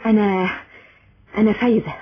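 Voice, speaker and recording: A woman's voice: mid-range voice, steady tone, fairly quick, lightly acted. An actress playing a hurt, desperate young woman in a radio drama, speaking with an Egyptian accent in a pleading, distressed way. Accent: Egyptian Arabic. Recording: dull lo-fi radio recording.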